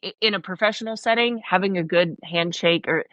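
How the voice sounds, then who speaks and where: A woman's voice: fairly low pitch, brisk, no echo, highs cut off. A woman from the American South, a leadership coach who talks in an emphatic, blunt way and acts out little scenes as a podcast guest. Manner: emphatic, blunt, animated storytelling. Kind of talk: podcast interview.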